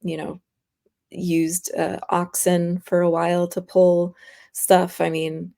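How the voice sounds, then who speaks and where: A young American graphic artist, raised partly in France, chats casually as an interview guest, rambling and laughing often. Her lowish voice is creaky and mellow, with little pitch movement and a slow pace.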